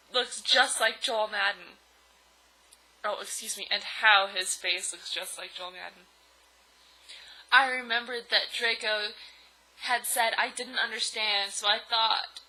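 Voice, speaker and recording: A woman reads a terrible story aloud for laughs, stopping to mock it in dry, exasperated asides. Her voice sits high and sounds very bright. She takes her time, drawing the words out. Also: poor audio. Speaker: reader and commentator. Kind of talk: comedic dramatic reading with commentary.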